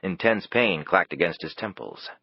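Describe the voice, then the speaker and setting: A man reading an audiobook in measured, even scripted narration. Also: low-pitched, vocal fry, slightly rough, dry recording. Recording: dull, dry, lo-fi.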